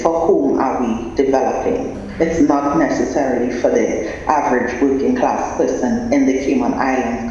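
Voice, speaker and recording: A man from Trinidad and Tobago, giving a measured, deliberate academic conference presentation. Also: fairly high pitch, darkish tone, slight background noise. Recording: echoey, dull sound in a large hall.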